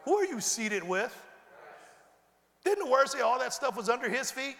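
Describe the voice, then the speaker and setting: A man preaching a sermon in a high, bright, forceful voice. He calls on the congregation to repeat his words back to him and rises to shouts. His voice rings out with a long reverb through a large church hall. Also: sing-song, normal speed, gravelly. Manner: preaching with call-and-response, rising to shouts. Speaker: pastor.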